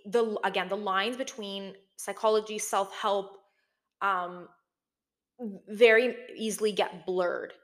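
Woman talking in an echoey big room. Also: medium pitch. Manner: chatty, frequent fillers and self-corrections. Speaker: video host. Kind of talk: casual commentary to camera. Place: large, half-furnished room. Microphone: new microphone.

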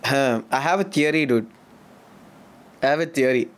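A man's voice: medium pitch, moderate pace. A man with a South Indian Tamil accent in casual comic banter as a co-host, slipping between English and Tamil.

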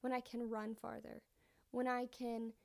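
A woman's voice: fairly high pitch, flat delivery, measured pace, vocal fry, darkish tone. A young woman hosting a casual solo podcast, rambling and correcting herself, a bit out of breath. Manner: rambling, self-correcting, conversational. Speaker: podcast host.

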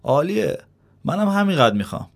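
A man voicing a cheerful, teasing elderly gardener with a raised, lively delivery in a spoken story. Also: fairly high pitch, creaky, voice pushed up, exaggerated voice. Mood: gleeful.

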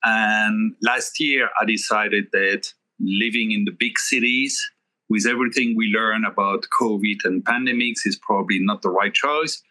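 Middle-aged guy from belgium, bright lowish voice, explains slow and careful, pauses a lot. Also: low-quality recording. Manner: measured, explanatory, pauses mid-sentence. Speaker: guest, investment firm founder. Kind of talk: conversational interview answers.

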